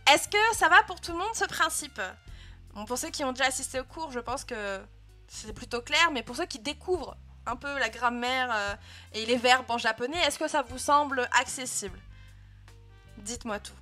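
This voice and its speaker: Bright-voiced woman teaching a class. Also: high-pitched, expressive, moderate pace, soft background music. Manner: patient, clear explaining with frequent "euh" and "hein" checks. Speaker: Japanese teacher. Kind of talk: live online language lesson.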